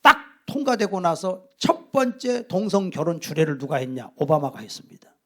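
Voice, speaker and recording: A man's voice: high-pitched, moderate pace. A male pastor preaching a sermon, retelling a story with acted voices and emphatic appeals.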